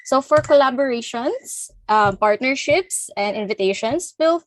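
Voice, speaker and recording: A woman MC runs an online panel over a video call. Her voice sits a little high and sounds dry and close, with no room echo. She keeps a cheerful tone and laughs lightly between her lines. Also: animated, a little slow.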